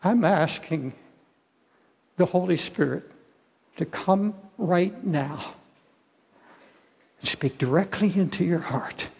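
An older man preaching an earnest, pleading sermon, often halting and repeating his words. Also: high voice, gravelly, a little mellow, husky. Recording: long echo of a large hall.

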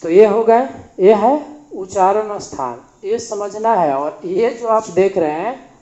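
A man with a fairly high voice teaches grammar at an unhurried pace. He repeats each sound patiently and asks the listener to say it back, like a classroom lesson. The recording is echoey and a little dull. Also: mellow.

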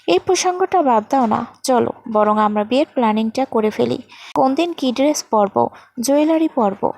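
A woman's voice: on the high side, animated, normal speed, creaky, darkish tone. A woman reading a story voices a bubbly, chatty young woman.

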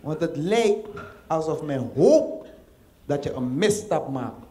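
A man with a Surinamese Dutch accent performing a stand-up comedy set, telling stories animatedly and acting out scenes with loud exclamations. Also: fairly high pitch, expressive, slow pace.

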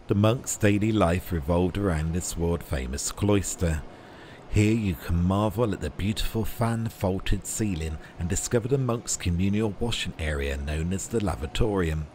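Very deep-voiced male tour guide. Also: moderate pace, a little mellow, a little hiss or hum. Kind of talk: scripted guided-tour narration.

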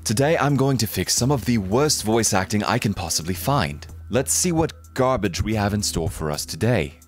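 A man's voice: animated, moderate pace, faint music behind. A young man with a fake British accent doing a sarcastic comedic parody monologue as a YouTuber. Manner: mock-enthusiastic, sarcastic, jumps to shrill outbursts.

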